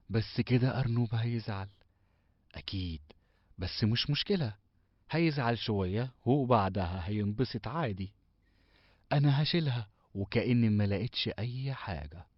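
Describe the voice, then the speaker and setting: A man's voice: lowish voice, dry recording, lightly acted. A man with an Egyptian accent voicing a young male cartoon character who talks hesitantly and apologetically. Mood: scheming. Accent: Egyptian Arabic. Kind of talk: cartoon voice acting. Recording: slightly dull audio.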